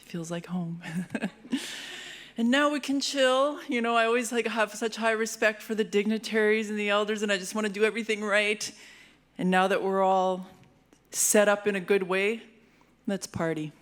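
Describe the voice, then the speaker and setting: A woman with a Canadian accent, a hip hop artist and rapper, serves as master of ceremonies at an awards show. Her stage banter is playful, giggly and informal, delivered in a steady, medium-pitched voice at a moderate pace.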